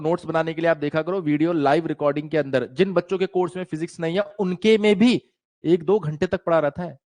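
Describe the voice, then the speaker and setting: A man's voice: a little high, darkish tone. A man teaching physics in a live online class, chatty and teasing, often acting out students and newsreaders.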